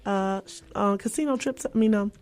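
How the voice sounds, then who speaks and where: A woman's voice: medium pitch, moderate pace, darkish tone. A woman hosting a radio talk show, playful and laughing easily as she chats in the studio. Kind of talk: casual radio banter.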